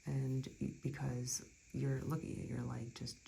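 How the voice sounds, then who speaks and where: A tarot reader talking through a card spread in a chatty, reassuring way, often dropping into soft near-whispers. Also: medium pitch, completely flat delivery, measured pace, vocal fry, a little hiss or hum, rough recording. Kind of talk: casual tarot reading.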